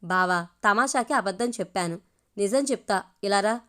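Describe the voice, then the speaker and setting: A woman's voice: medium pitch, moderate pace, a bit bright, close to an everyday voice. A woman voicing a playful young woman who teases the man she loves, read in a plain storytelling voice. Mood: teasing. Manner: teasing, affectionate.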